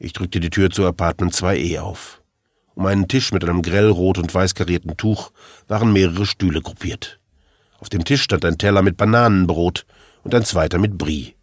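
A man with a very low voice reads a first-person crime story aloud. His delivery is dry and wry, like a deadpan storyteller. The recording is close and dry, with no room sound. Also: normal speed, dry recording. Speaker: narrator. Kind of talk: scripted audiobook narration.

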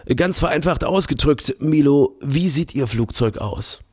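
A man putting on a pompous, slow-witted general. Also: a little high, expressive, a little mellow, husky, pitched above the performer's own voice. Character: pompous middle-aged male general, slow and credulous. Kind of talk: audiobook character voice.

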